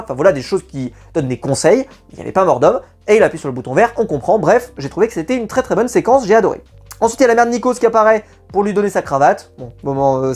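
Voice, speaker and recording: A woman's voice: sits low, a little mellow. A woman giving a casual, opinionated video review of a TV show, chatty and full of hesitations. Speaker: YouTube reality-TV reviewer.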